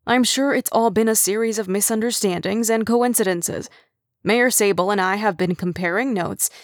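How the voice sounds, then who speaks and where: A middle-aged male mayor reasons patiently and tries to calm everyone down, as a woman narrator voices him. She keeps close to her own voice, in a dry, close recording. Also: mid-range voice, normal speed, dry recording, close to an everyday voice. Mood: placating. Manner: placating, reasonable.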